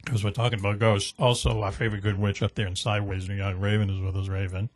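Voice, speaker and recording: A man's voice: on the low side, level tone, fast. A man with a Boston accent hosting a radio talk show, rambling and joking with plenty of fillers.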